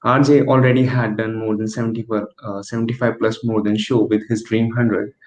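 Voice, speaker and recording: A man hosting an interview show, earnest and halting, often restarting his sentences. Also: lowish voice, flat delivery, darkish tone. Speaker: host. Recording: dull echoey lo-fi sound.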